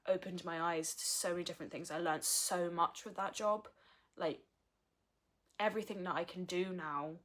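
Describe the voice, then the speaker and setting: Woman, early twenties, candid vlog talk, earnest, somewhat low voice. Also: a bit bright. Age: early 20s. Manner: frank, earnest, with swearing. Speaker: vlogger.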